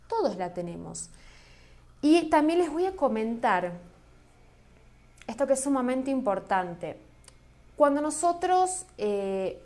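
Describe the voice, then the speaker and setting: A woman's voice: on the high side, a little mellow. A woman teaching a graphology class online, chatty and enthusiastic, answering chat questions as she goes. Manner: enthusiastic, chatty, loses her thread.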